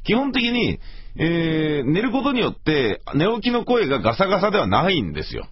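A middle-aged man with a hoarse, gravelly voice, rambling casually and self-deprecatingly as he hosts a solo radio talk. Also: fairly high pitch, wildly swooping pitch, normal speed, crowd noise. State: morning hoarseness after heavy talking. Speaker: radio show host and voice performer. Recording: slightly dull, lo-fi audio.

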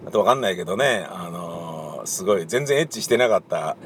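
A playwright and director talks casually on his own about writing his play, his low voice brisk and lively in intonation. He rambles with plenty of fillers and sometimes acts out the voices of people he quotes. There's a little hiss or hum in the recording.

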